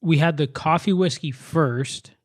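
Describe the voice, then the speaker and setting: A man's voice: fairly high pitch, unhurried, no room sound, clean studio sound. A young man co-hosting a casual podcast, easygoing and profane, often agreeing with his friend. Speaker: podcast co-host.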